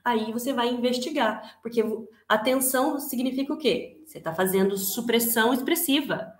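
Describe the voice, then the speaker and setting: A Brazilian woman teaches a class in a bright, slightly high voice. She talks in an animated way and keeps putting rhetorical questions to her listeners. Her voice carries a roomy echo. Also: normal speed. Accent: Brazilian Portuguese. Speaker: teacher giving an online class. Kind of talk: lively spoken lecture. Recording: echoey room.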